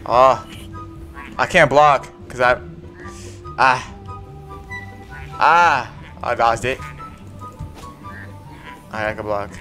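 A young male gaming YouTuber mutters slangy, mumbled running commentary over casual gameplay, with a faint music bed underneath. His medium-pitched voice has a sharp tone, and he speaks extremely slowly with frequent pauses.

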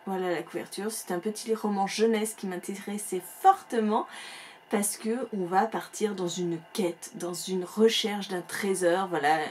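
A woman chats about new releases in a casual, enthusiastic way, often pausing on fillers. She talks at a mid pitch into a close mic at home. A faint hiss runs under the voice. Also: steady tone. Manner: chatty, warm enthusiasm with many fillers. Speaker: book vlogger. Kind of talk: casual book chat. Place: home room with bookshelves.

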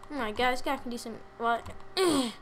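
Chatty high-voiced young woman gaming. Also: moderate pace, slight background noise. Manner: chatty, self-mocking, bursts of loud excitement. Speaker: gameplay commentator. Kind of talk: casual gameplay commentary.

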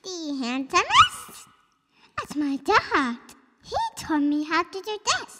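A man's voice: extremely high pitch, huge pitch swings, slow, big-room sound, background noise, pitched above the performer's own voice, exaggerated voice. A man voicing a cheeky, blunt baby dragon in a storybook.

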